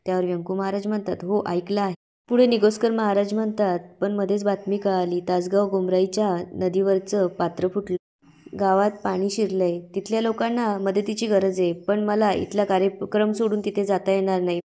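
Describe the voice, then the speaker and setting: A woman tells the story of a TV serial episode as a recap, keeping the narration in a fairly level, flat pitch. Her voice is dark and mellow, and she leans into the quoted dialogue with extra emphasis. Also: moderate pace.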